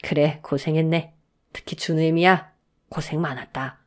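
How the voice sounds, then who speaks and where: A woman's voice: low-pitched, fairly even intonation, normal speed, lightly acted. A woman voicing a doting older grandfather who speaks fondly to his grandson. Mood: kind.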